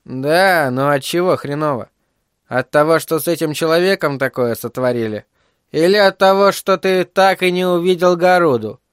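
Measured female journalist, as a man puts her on, raised pitch, audiobook. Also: clean tone, no echo, studio quality, close to an everyday voice. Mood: thoughtful. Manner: measured, thoughtful. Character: thoughtful adult woman journalist, guarded.

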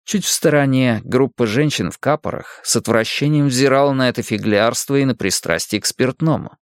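A man reading a novel aloud as an audiobook narrator, in a measured, steady way. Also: mid-range voice, no room sound, clean studio sound. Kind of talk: scripted narration.

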